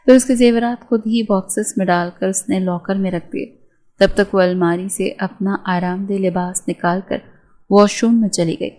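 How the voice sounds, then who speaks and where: A woman narrating a romance novel aloud at a steady, measured pace. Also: mid-range voice. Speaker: audiobook narrator.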